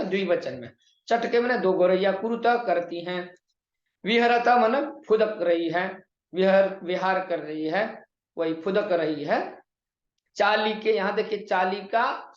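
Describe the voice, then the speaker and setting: A man gives an online Sanskrit lesson, pronouncing words carefully and slowly for his students to copy down. The recording sounds roomy and somewhat dull, as if captured in a bare room on a modest mic. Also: high-pitched. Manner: slow, drawn-out enunciation of words; explains in Hindi with questions to students. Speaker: Sanskrit teacher. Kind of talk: online exam-prep lesson.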